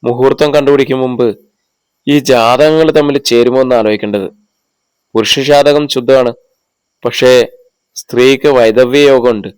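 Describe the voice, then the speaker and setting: A man voicing an elderly male village astrologer who gives bad news slowly and hesitantly, in a storybook reading. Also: medium pitch, fairly even intonation, a little mellow, smooth, no echo, natural voice. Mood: grave. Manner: slow, halting delivery of bad news.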